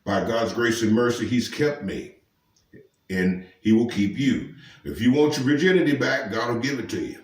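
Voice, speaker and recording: A man's voice: medium pitch, moderate pace, far from the mic. Emphatic male preacher in an echoey room. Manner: emphatic, questioning, rhetorical. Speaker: street preacher. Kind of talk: informal preaching to camera.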